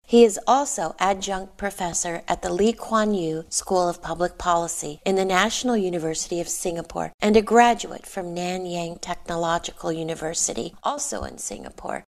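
A woman hosting a podcast, reading a slow, deliberate introduction and asking interview questions. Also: fairly low pitch. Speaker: podcast host.

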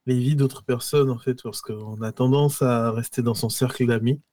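A man's voice: mid-range voice, steady tone, normal speed, warm tone, no echo. Man from côte d'ivoire, interview guest, easygoing, dry close mic. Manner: easygoing, explains at length with many fillers. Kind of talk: casual interview.

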